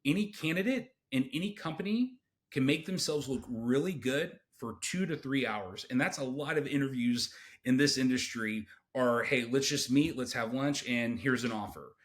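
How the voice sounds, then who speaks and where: A man's voice: medium pitch, normal speed. A man speaking as a recruiter in an interview, giving direct, emphatic and instructive advice. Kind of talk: interview advice, explanatory talk.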